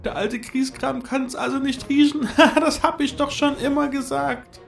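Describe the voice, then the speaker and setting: A man voicing a mocking cherry tree that speaks in a high, gleeful cackle. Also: level tone, unhurried, creaky, soft background music, exaggerated voice.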